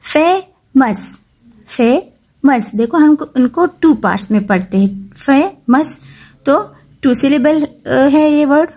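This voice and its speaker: A woman from Pakistan teaching a children's textbook lesson, reading English lines slowly and explaining each one in plain words. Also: high voice, a little mellow. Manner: slow and patient, reads English lines slowly, then explains in Hindi-Urdu.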